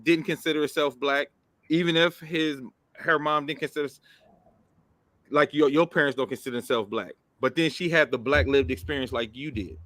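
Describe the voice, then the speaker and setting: Bright-voiced man pressing a point. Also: fairly high pitch, normal speed, no echo. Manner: persistent, probing questions, says "bro". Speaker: podcast host. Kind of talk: casual debate chat.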